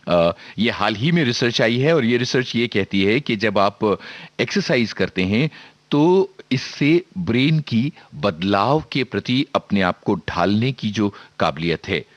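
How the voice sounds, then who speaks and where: A man presenting on radio, sharing information in a measured way with frequent filler pauses. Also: on the low side, lively intonation, no room sound, muffled recording.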